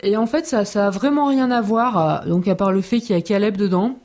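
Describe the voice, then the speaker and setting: A young woman co-hosting a podcast in a mellow, dark-toned voice. She talks frankly and hesitantly, with lots of fillers between her points. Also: mid-range voice, fairly quick. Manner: hesitant, frank, laughs often. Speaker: podcast co-host. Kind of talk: casual chat.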